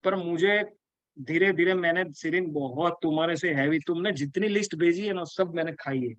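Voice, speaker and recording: High-voiced man giving a spiritual lecture. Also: normal speed, no room sound. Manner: repetitive, keeps checking in with listeners; earnest, insistent. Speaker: spiritual teacher. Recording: dull, lo-fi, dry sound.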